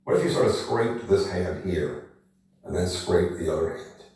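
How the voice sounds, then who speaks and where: A man with a somewhat low voice leads energy exercises, coaching in a lively, coaxing way full of rhetorical questions. His voice rings with heavy room echo. He is some distance from the microphone. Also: moderate pace. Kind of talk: demonstrating physical exercises to camera.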